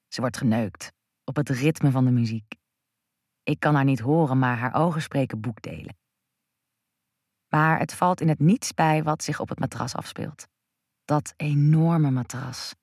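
Breathy, husky woman narrating intimately. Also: a bass voice, no echo, clean studio sound. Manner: hushed, intimate, drifting into whispers. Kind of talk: first-person erotic story narration.

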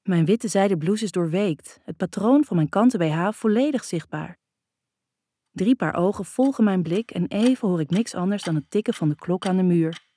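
A woman narrates a first-person novel in a calm, even reading voice. Her voice sits fairly low and the recording is dry and close, with no room sound. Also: moderate pace, breathy edge, no echo. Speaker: audiobook narrator.

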